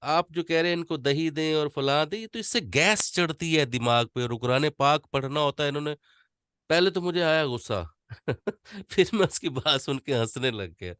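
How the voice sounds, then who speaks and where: A man teaching an online voice-over class, demonstrating slow readings with deliberate pauses. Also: fairly high pitch, lively intonation, fairly bright tone, clean tone, no room sound, clean studio sound.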